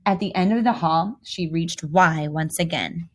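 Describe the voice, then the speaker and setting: With a lowish voice and a measured pace, a woman gives an expressive read-aloud of a children's picture book. She leans into theatrical emphasis and adds little asides aimed at young listeners.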